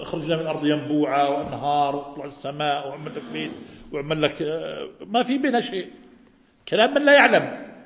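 Male preacher, slightly high voice, poses rhetorical questions and answers them, reverberant hall. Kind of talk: religious lesson. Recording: echoey hall with long reverb.

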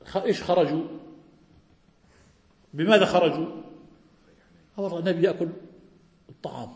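A man's voice: fairly high pitch, fairly quick, darkish tone. A male preacher giving a religious lesson, explaining by asking rhetorical questions and answering them himself. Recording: echoey hall with long reverb.

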